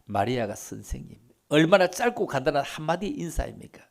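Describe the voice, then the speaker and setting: A male pastor preaching an Easter sermon in a church, swinging from loud, stirring lines to near whispers and repeating his key phrases. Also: a little high, very animated, fairly quick, vocal fry. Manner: acts out quoted voices and repeats key phrases. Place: church sanctuary.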